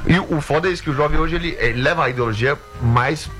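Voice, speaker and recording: Quick, lively male co-host, slightly high voice, loud music under the studio chat. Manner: animated, blunt, joking. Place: radio studio.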